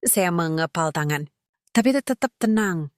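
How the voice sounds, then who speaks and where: A woman reading a scripted first-person story in a calm, measured way, in short phrases. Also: fairly low pitch, no room sound, clean studio sound.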